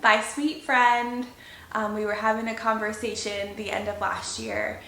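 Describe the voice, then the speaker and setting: Bright, emotional American woman in an echoey room. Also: a little high, fairly even intonation, a little hiss or hum. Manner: emotional, confiding, halting. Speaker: content creator, channel host. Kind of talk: personal channel update vlog, casual chat. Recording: roomy echo.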